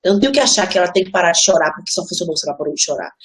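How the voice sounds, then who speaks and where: A mother gives a live online parenting class, explaining things earnestly and conversationally in an animated, racing voice while often turning to her audience as "gente." When she speaks as she would to her child, she shifts into a soft, low, gentle voice.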